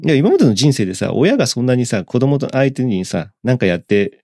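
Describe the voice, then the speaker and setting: Lively fast-talking man chatting. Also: mid-range voice, no echo, studio quality. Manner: lively, excitable, laughs often. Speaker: podcast host. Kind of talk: casual chat.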